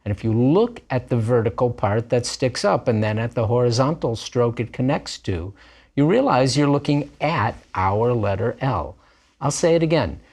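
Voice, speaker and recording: A man's voice: medium pitch, animated, normal speed, a little mellow. A man teaching a language lesson, explaining letters patiently and step by step. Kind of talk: recorded lesson narration.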